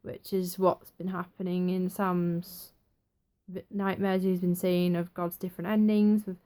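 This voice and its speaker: A young woman giving a chatty, excitable casual review of a TV episode. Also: lowish voice, a little slow. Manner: chatty, excitable, acts out quotes.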